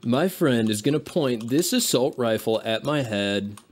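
A man firing off quick jokes at his friends over a voice call, his pitch bouncing as he teases. A faint hiss sits under his voice. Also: expressive. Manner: quick teasing remarks. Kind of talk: casual joking chat.

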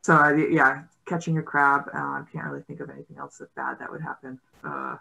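Gravelly woman on a video call. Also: extremely low pitch, very animated, a little fast, sharp tone, low-quality recording. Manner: thoughtful, hesitant with many fillers. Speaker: guest rower. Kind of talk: casual panel discussion. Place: indoor home room. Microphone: video call laptop mic.

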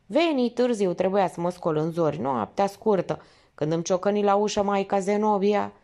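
A woman's voice: medium pitch, warm tone, pitched above the performer's own voice, natural voice. A woman reading as a weary rustic truck driver. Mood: plaintive. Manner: hoarse, unsure, rustic speech. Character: weary middle-aged male truck driver.

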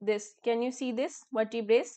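High-voiced Indian woman teaching science. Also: steady tone, mellow. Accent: Indian English. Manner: mixes English and Hindi, frequent "okay?" checks; filler-heavy, repeats terms slowly for students. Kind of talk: online lesson.

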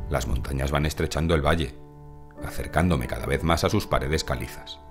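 Very deep-voiced man narrating over music. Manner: calm, measured, informative. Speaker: hiking vlogger narrating. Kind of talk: scripted documentary narration.

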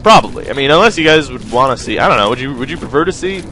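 Talking very fast with lively intonation, a young man hosts a gaming video, his medium-pitched voice having a sharp tone. He rambles, jokes, mocks himself, and chats with viewers over faint game music.

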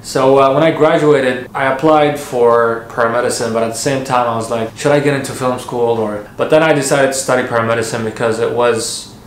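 Man, 20s, casual vlog Q&A, mid voice, roomy sound with steady background noise. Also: medium pitch, a little fast, hardly any pauses. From Canada and Qatar. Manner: relaxed, chatty, frequent fillers and restarts. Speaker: YouTuber answering viewer questions. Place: home office, then outdoor courtyard. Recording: echoey room with clear background noise.

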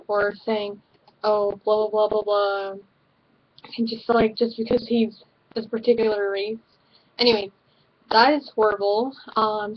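A woman's voice: mid-range voice, slightly rough, lo-fi sound. A young woman in her bedroom talking straight to her webcam, earnest and indignant, full of "like" and "um" fillers. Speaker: YouTube video reviewer. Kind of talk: direct-to-camera opinion vlog. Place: small bedroom, indoors. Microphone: webcam at desk.

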